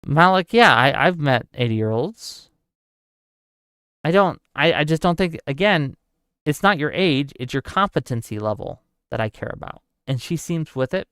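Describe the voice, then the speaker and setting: A man in his forties chats about politics on his livestream, picking up questions from the live chat, answering them and thinking aloud conversationally. His voice sits fairly high, a bit bright and smooth, with lively intonation at a moderate pace. It's studio quality with no echo.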